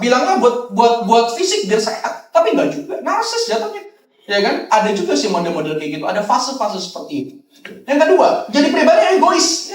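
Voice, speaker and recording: A man with a Jakarta accent delivers a casual youth sermon, his voice high and richly varied in pitch as he jokes and mimics the people in his stories. The sound is heard from a distance, ringing through a large, very reverberant church hall. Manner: joking, animated, acts out quoted people. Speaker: youth pastor. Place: large church hall during a live service. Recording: very echoey hall, voice away from the mic.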